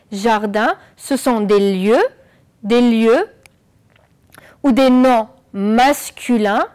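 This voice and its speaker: Slow, encouraging woman teaching French. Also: fairly high pitch, darkish tone. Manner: slow, clear, encouraging explanations with questions to viewers. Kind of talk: televised classroom lesson.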